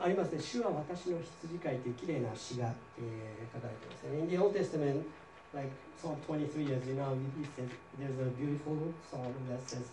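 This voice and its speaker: A male pastor giving a conversational sermon, often checking in with his listeners with quick questions. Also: fairly high pitch, dark tone, slight background noise. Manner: chatty preaching with frequent tag questions. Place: church sanctuary. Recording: roomy hall picked up from a distance.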